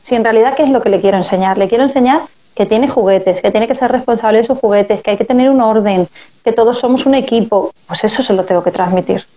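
A woman's voice: a little high, fast talker, warm tone, muffled recording. A woman speaking as a parenting guest in a casual live chat, telling anecdotes and acting out family dialogue.

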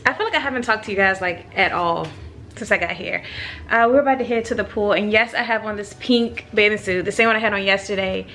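A young woman vlogs casually to a handheld camera held at arm's length in a resort hotel room, giggly and calling her viewers y'all. Her mid-range voice is quick, pushed, and bright, with faint music in the background.

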